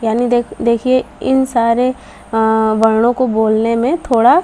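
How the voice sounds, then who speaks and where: A woman giving a patient grammar lesson to children, explaining slowly and repeating each point. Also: fairly high pitch, flat delivery, warm tone. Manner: slow, patient explaining with repetition; addresses children. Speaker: Hindi teacher.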